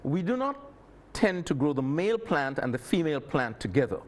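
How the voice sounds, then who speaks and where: A man's voice: fairly high pitch, big pitch swings, fairly quick. A man from Saint Kitts, explaining things emphatically as an expert guest in a panel discussion.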